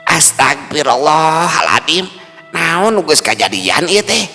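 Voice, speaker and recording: A man's voice: fairly high pitch, sing-song, measured pace, creaky, sharp tone, pitched above the performer's own voice, exaggerated voice. A man voicing a bewildered village man lost near a haunted tree, muttering to himself and chanting spells. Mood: suspicious. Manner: fretful, muttering to himself, then chanting incantations. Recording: long reverb with faint music.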